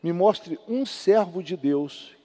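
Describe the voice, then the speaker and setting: A male pastor preaching a sermon from Brazil, swinging between loud exhortation and soft storytelling. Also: sits high, slow. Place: large church hall. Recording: long church hall reverb.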